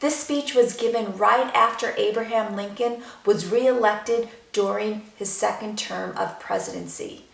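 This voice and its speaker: A woman drama teacher giving a clear, instructive video lesson to students. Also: medium pitch, measured pace, hardly any pauses, echoey room, recorded from a distance.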